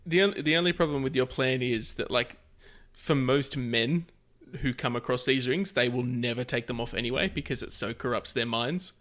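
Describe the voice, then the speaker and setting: A man's voice: mid-range voice, moderate pace, a bit bright. A man hosting a podcast in easygoing, chatty talk, leading the wrap-up of the show. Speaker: podcast host. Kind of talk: casual podcast chat.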